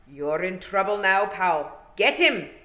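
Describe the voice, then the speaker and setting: A woman voicing a feisty tiny male pixie warrior chief in a storybook reading, urgent, gruff and bossy. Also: on the low side, lively intonation, unhurried, fairly bright tone, echoey room. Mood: rowdy.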